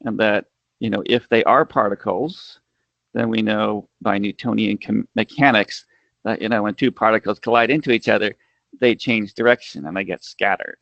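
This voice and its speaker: A man's voice: on the low side, steady tone, normal speed, gravelly, a bit bright, no echo. A man interviewing over a video call who presses skeptical questions in the role of a critic. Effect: heard over a video call. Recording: dull, dry video call audio.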